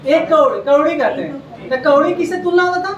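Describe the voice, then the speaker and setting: A man's voice: very high voice, a little fast, far from the mic, dull audio, crowd noise. A male coaching teacher, lecturing a class and drilling facts by repeating them and quizzing his students. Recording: echoey classroom, heard from afar.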